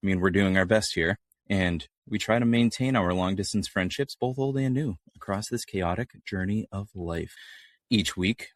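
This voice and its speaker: A man's voice: sits low, no echo. A man co-hosting a casual gaming podcast, chatty and jokey, rambling playfully. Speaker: podcast co-host.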